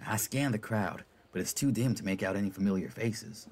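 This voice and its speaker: A man narrating a first-person story in a relaxed, casual way. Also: fairly low pitch, fairly quick. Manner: relaxed, casual, breaks off to laugh at his own slips.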